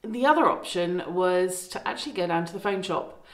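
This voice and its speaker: With lively intonation and a fairly low pitch, a middle-aged woman speaks at normal speed to her phone camera, held at arm's length inside the old farmhouse she's renovating. She rambles and corrects herself casually, and the space sounds roomy and echoey.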